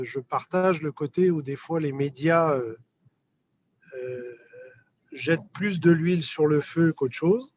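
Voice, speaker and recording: A man's voice: fairly high pitch, a little mellow, no room sound, highs cut off. A man taking part in a discussion over a video call, speaking hesitantly with many fillers and restarts. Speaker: conference participant on a video call. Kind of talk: casual discussion. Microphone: video call connection.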